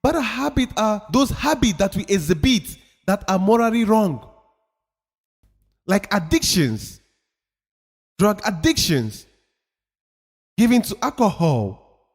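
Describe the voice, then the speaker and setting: Taking it slowly with long pauses, a man with a high, slightly rough voice gives a motivational talk marked by big pitch swings. He is emphatic and preachy, repeating phrases for effect, while a long reverb hangs on every word as if in a hall.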